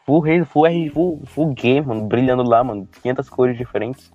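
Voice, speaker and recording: A man's voice: mid-range voice, steady tone, normal speed, soft background music. A young man with a Brazilian accent chatting casually in slang from inside a car. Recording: dull, lo-fi voice chat audio.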